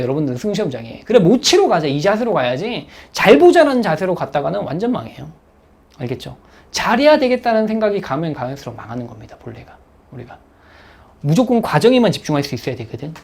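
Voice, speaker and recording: A man lecturing as an exam prep instructor, keeps checking in with his listeners. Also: fairly high pitch. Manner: animated, checks in with listeners, acts out students' thoughts.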